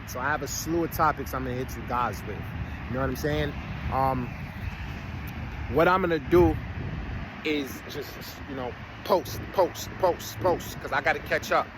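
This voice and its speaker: Passing cars and street noise surround a thirties-aged vlogger on the verge of forty. He speaks at normal speed in a slightly high voice, addressing followers in a loose, streetwise ramble peppered with preachy remarks.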